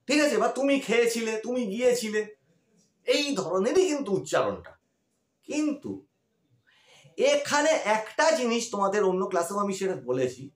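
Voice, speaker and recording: A man's voice: very high-pitched, echoey room. A man teaching an English grammar lesson who explains step by step, asks questions and answers them himself, and keeps checking in with students. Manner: checks in often with short confirming questions.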